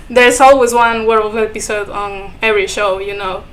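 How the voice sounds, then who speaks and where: A young Ecuadorian woman, a native Spanish speaker, talks in English with an Ecuadorian accent as a guest on a casual podcast, giggling often as she hunts for words. Her voice is slightly high, lively and a bit bright, at a moderate pace. The recording is rough, with a little hiss or hum.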